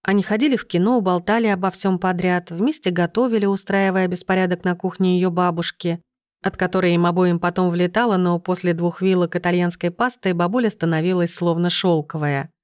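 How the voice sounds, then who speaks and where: A woman reading a novel aloud as narrator, in a steady, even storytelling manner. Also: lowish voice, a little fast, no room sound, studio quality. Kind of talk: audiobook narration.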